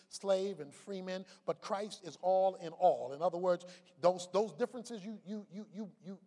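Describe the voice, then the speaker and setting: A man preaching a sermon as pastor, swinging from shouted climaxes to quiet storytelling asides. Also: high voice. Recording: long reverb of a large hall.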